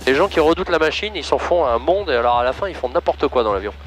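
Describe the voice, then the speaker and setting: A man coaching a student pilot in a small plane's cockpit over a headset intercom, calm, encouraging and casual. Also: a little high, fast talker, soft background music, poor audio. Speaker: flight instructor. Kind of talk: in-flight coaching.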